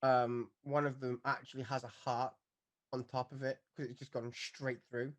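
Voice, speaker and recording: A man's voice: mid-range voice, flat delivery, moderate pace. A man narrating as dungeon master, giggly and hesitant with lots of fillers. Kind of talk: narrating a tabletop game.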